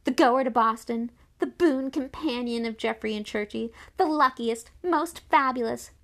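A woman doing a flamboyant young girl, storybook reading, showy delivery, gravelly edge. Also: medium pitch, animated, unhurried, a bit bright. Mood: exuberant. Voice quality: theatrical, exuberant. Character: an eager, dramatic young sister. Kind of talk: audiobook character reading.

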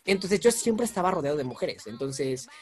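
A man's voice: fairly high pitch, big pitch swings, fairly quick. A young man with a Mexican accent, chatting as an interview guest, talkative and self-mocking, laughing often. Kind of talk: casual chat.

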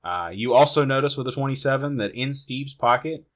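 A man's voice: mid-range voice, animated, fairly quick. A man narrating a tabletop game as game master, laid-back and swearing freely.

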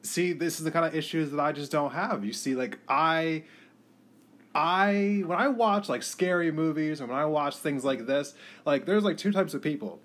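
A man's voice: a little high, moderate pace, fairly bright tone. A man co-hosting a podcast, ranting emphatically in casual chat. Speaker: podcast co-host.

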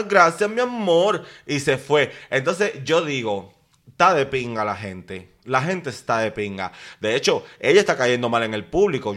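A podcast host with a medium-pitched, slightly bright voice gossips about a reality show. He's chatty and dramatic, and his talk is packed with slang.

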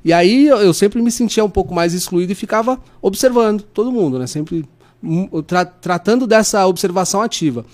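A man's voice: sits high, animated, a little fast, darkish tone. A man with a Brazilian Portuguese accent, a podcast guest chatting casually in an informal, slangy, earnest way. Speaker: podcast guest, lie-detection expert. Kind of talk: casual chat.

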